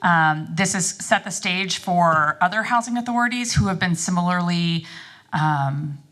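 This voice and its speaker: Woman, executive presenter, lower pitch, semi-formal briefing, halting explanatory delivery. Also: animated, fairly bright tone. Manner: halting, explanatory, frequent ums and repeats. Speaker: interim executive director presenting.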